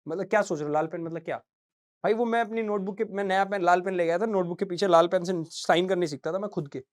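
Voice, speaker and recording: A young man with a high-pitched voice and quick pace teaches physics in a casual classroom lecture. Chatty and informal, he calls students beta and bhaiya, weaves in anecdotes, and sings little sound effects between points.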